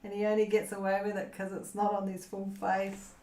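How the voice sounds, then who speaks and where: A woman's voice: medium pitch, monotone, a little fast, darkish tone. An Australian woman hosting a casual livestream chat with her viewers, rambling and giggling with lots of fillers. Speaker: crafting channel host. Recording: roomy echo.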